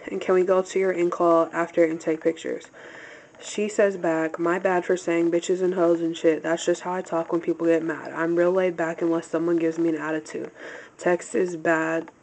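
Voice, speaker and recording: A woman casually recounting an exchange by reading text messages aloud in a matter-of-fact way, often clearing her throat. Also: fairly low pitch, moderate pace, a little mellow, slight background noise, low-quality recording.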